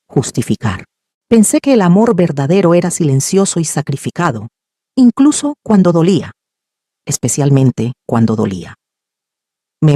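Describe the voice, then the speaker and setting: Male narrator, a bit high-pitched, measured and reflective, dry close sound. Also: no room sound. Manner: calm, measured, reflective, short phrases with pauses. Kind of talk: scripted first-person story narration.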